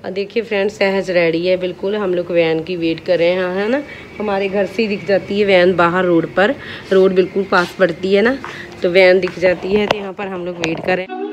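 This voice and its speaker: Against background noise, a woman whose voice is on the low side speaks at normal speed with fairly even intonation. She's a mother in her thirties with a sore throat, narrating a casual vlog as she films the kitchen and rooms of her home on a handheld phone. Her tone is chatty, and she speaks to viewers as friends.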